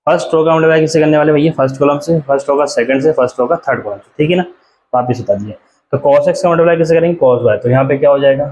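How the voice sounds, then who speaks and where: A man teaching a maths lesson at a board. He explains step by step, often asks the class a question and answers it himself, and slows right down while writing terms out. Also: mid-range voice, darkish tone, a little hiss or hum, low-quality recording.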